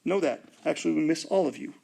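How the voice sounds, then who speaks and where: Gravelly man teaching a math lesson. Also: on the high side, fast, mellow. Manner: jokey, rambling, talks while drawing on a board. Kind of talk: recorded video lesson.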